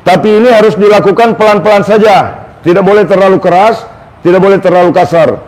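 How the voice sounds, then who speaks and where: A man working as a massage therapist, calmly instructing and demonstrating on a patient step by step. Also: high voice, fast, rough recording. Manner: coaching and instructing step by step, calls out words to repeat.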